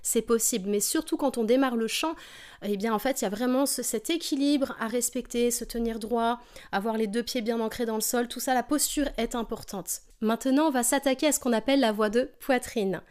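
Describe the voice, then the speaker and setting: A woman teaching a singing lesson, explaining vocal technique calmly and demonstrating exercises. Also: on the high side, a little fast.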